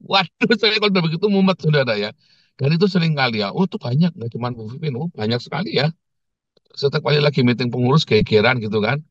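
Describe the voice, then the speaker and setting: A man preaching a conversational sermon as a pastor, speaking with a tinge, animated and joking and often calling out to his listeners. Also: medium pitch, quick pace, dry recording, lo-fi sound. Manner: animated storyteller, jokes and laughs, keeps addressing listeners as brethren.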